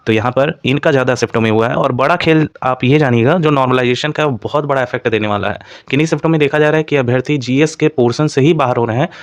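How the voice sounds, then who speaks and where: A man with a medium-pitched voice presents an informal exam analysis to online viewers on an exam-prep channel, mixing in English terms and leaning on repeated filler phrases. There is no room sound.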